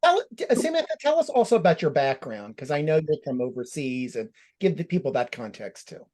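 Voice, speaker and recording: A man moderates a panel discussion, asking guests about their background. He gently prompts each speaker with friendly questions, often restarting his sentences. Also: a little high, big pitch swings, a little fast.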